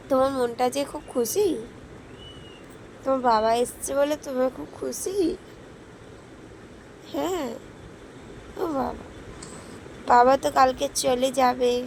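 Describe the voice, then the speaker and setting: A hoarse woman with a cough, a mother talking baby talk to her little son, gently teasing and scolding him with repeated questions. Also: high-pitched, a little hiss or hum. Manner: slow, sing-song questions to a baby.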